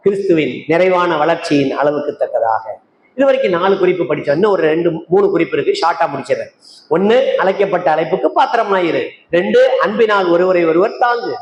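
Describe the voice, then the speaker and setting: High-voiced preacher in an echoey hall. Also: male voice, lively intonation, fast talker, lo-fi sound. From Tamil Nadu, India. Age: older. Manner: rhetorical questions, calls out to listeners by name. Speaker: evangelist preacher. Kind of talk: sermon. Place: church meeting hall. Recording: echoey hall with faint noise.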